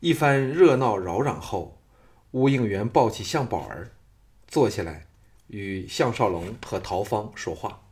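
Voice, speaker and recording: Low-voiced male storyteller. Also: expressive, unhurried, a little mellow. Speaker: audiobook narrator. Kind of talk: storytelling narration.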